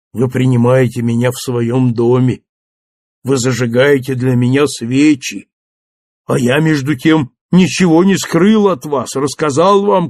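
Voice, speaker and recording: A man's voice: mid-range voice, a little mellow, no echo. Man voicing a bitter ex-convict. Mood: grateful. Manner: agitated, rising outbursts. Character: haggard ex-convict man, forty-six, bitter, pleading. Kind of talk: audiobook character reading.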